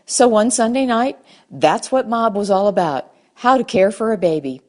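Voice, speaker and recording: Woman telling a lively anecdote. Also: mid-range voice, moderate pace. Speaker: tribute speaker, former youth advisor. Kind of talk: anecdotal tribute.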